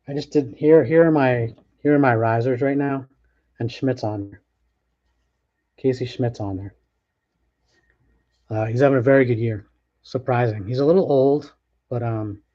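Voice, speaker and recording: A card break host talks offhandedly as he opens packs, giving casual live commentary and thinking out loud with quick restarts. His voice is mellow and mid-pitched, and the dull, lo-fi audio suggests a home setup.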